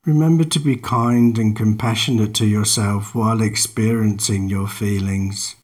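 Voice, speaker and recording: With a fairly low voice, this male narrator leads a guided meditation. His pacing is unhurried and measured, calm throughout, and he leaves lengthy pauses after each instruction.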